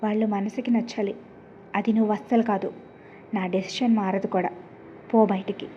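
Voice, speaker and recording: A woman's voice: mid-range voice, level tone, moderate pace, highs cut off, slight background noise, lightly acted. A woman voicing an angry young man who scolds and sharply turns away a cousin who keeps chasing him. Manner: stern, scolding, sharp retorts.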